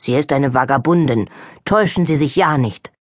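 A woman's voice: extremely low pitch, normal speed, dry recording, studio quality, voice pushed down. A woman voicing a grim, suspicious older female servant who grumbles sternly. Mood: grim, scolding.

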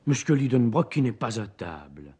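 A man's voice: medium pitch, sing-song, normal speed, darkish tone, breathy edge. A man voicing an elderly female housekeeper who frets and mutters in an audiobook. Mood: dismayed.

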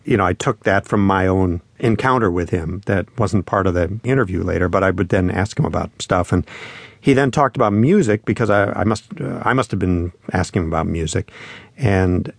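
In a dry recording, a man with a deep, gravelly voice talks a little fast. The musician and spoken-word performer reminisces in an interview, his storytelling conversational and reflective, with quotes acted out along the way.

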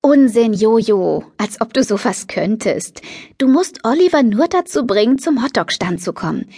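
A woman's voice: a little high, expressive, moderate pace, dark tone, slightly rough, no room sound, studio quality. A woman reading a bubbly, fashion-crazy teenage girl who plays matchmaker, chirpy and pushy in an audiobook.

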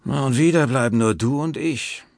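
A man's voice: medium pitch, moderate pace, darkish tone, no echo, clean studio sound, pitched above the performer's own voice, close to an everyday voice. A male narrator playing a confident poker host who needles the other players. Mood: smug.

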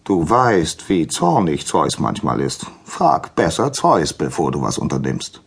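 A man's voice: a bass voice, sing-song, a little slow, creaky, slightly rough, exaggerated voice. A man voicing a cautious, respectful male eagle in a children's audiobook. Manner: careful, warning, up and down. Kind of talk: storybook character voice.

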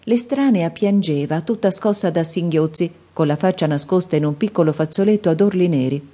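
A woman narrating a classic novel as an audiobook, in a calm, even storytelling manner. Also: lowish voice, a little fast. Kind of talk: scripted narration.

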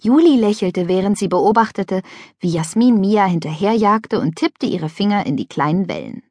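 A woman reading a children's audiobook with lively, expressive storytelling on a close studio mic. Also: mid-range voice, moderate pace, no echo. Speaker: audiobook narrator. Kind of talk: scripted children's audiobook narration.

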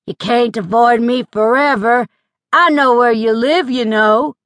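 A woman narrator voicing a leering, whining frontier town drunk with a high, giggly drawl. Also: a little slow, a bit bright, dry recording, clean studio sound.

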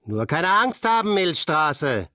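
A man's voice: medium pitch, fairly quick, slightly rough, no echo, clean studio sound, close to an everyday voice. A man voicing a cocky boy from a children's gang who teases and brushes off a girl, in a storybook reading. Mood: teasing.

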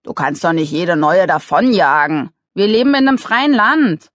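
A woman's voice: lowish voice, expressive, normal speed, no room sound, studio quality, close to an everyday voice. A woman voicing a smitten, pushy man who keeps pleading with a stranger. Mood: coaxing. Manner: wheedling, persuasive. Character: pushy middle-aged male john, smitten.

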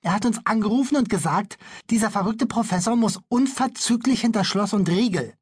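A man's voice: high-pitched, fairly quick, breathy edge, dry recording, clean studio sound, pitched above the performer's own voice. A man voicing a pompous, officious male policeman in a children's audiobook. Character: stern pompous male policeman, droopy moustache.

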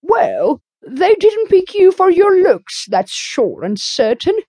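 A woman's voice: high voice, very animated, measured pace, darkish tone, no echo, pitched above the performer's own voice. A woman voicing an outspoken, disapproving older woman neighbor in a storybook reading, emphatic and blunt. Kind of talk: audiobook character reading.

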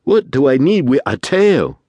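A man's voice: a little high, very animated, moderate pace, no echo, pitched above the performer's own voice. A man voicing an impatient, brash young boy of a sea-dwelling, seal-like race.

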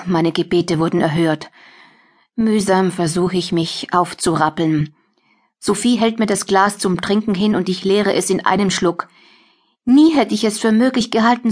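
A woman reading a tense first-person audiobook in a measured storytelling manner. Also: lowish voice. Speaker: audiobook narrator. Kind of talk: first-person scripted narration.

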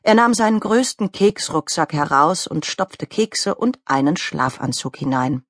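A woman narrates a children's storybook with a lively, bouncing voice. Her tone is slightly husky and the recording is close and dry, with no room sound. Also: low-pitched, a little slow, no echo. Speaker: audiobook narrator.

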